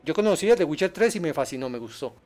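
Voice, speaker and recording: Streamer man, high voice, excitable live play commentary. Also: fast talker. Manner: excitable, yelps and laughs at danger, chats with viewers. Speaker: gaming streamer.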